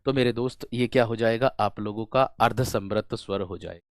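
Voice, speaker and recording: A man teaching an exam-prep lesson, feeling unwell, repeating questions and answering them himself as he explains slowly to his students. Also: fairly low pitch, dry recording, studio quality. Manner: repetitive call-and-response, addresses students as friends.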